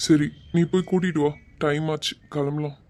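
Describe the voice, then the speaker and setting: A man voicing a kind, calm middle-aged father in an animated web series, gentle and fatherly. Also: on the high side, moderate pace, natural voice.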